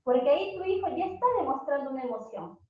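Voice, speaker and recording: A woman with a high voice speaks to a group of parents. She keeps asking them questions and slows right down on the words she wants to stress. The recording is very echoey and dull, as if picked up in a bare room on a low-grade mic. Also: sing-song. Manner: asks the audience many questions. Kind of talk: talk to parents.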